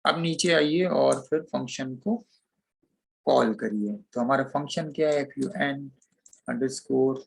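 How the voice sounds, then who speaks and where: Husky gravelly man teaching. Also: medium pitch, a little slow, rough recording. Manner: explains step by step while typing code. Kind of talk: online coding lecture.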